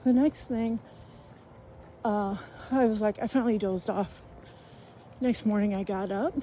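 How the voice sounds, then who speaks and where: A woman's voice: medium pitch, measured pace, dark tone, slight background noise. A woman telling a camping story while walking outdoors, out of breath, rambling and colloquial with lots of fillers. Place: outdoors on a riverside trail.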